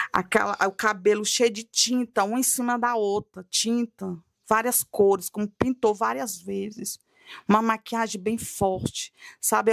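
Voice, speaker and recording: A woman's voice: mid-range voice, vocal fry, no room sound, studio quality. A woman tells a dramatic religious testimony, acting out her own cries for mercy as she goes. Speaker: guest telling a testimony.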